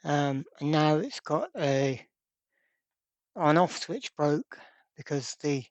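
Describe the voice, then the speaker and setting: Working through a repair at the workbench, a hobbyist electronics presenter talks informally, reasoning out each step aloud. The voice has a medium pitch with vocal fry, and the recording is dry.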